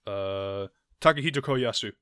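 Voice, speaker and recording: A young man co-hosting an anime podcast talks at a measured pace in a lowish, fairly bright voice, rambling casually with frequent restarts and "like" fillers. The sound is studio quality with no room sound.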